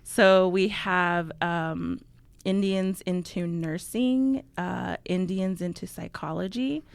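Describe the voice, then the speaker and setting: A woman's voice: lowish voice, slow pace, creaky, smooth, dry recording. A young adult woman from Navajo, New Mexico, a guest in a radio studio, talking casually and fillings her sentences with ums. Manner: chatty, many ums, laughs easily. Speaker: guest, outreach coordinator. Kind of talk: casual interview talk.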